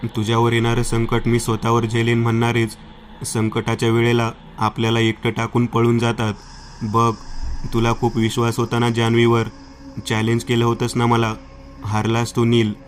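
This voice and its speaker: A man's voice: medium pitch, monotone, normal speed, a little hiss or hum, natural voice. A man voicing a vengeful ghost woman of an island cave, cold and taunting, in a horror story.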